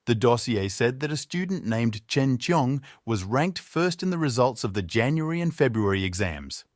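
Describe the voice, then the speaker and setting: A man's voice: mid-range voice, normal speed, no echo. Man narrating a story recap, dry sound. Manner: even, matter-of-fact retelling.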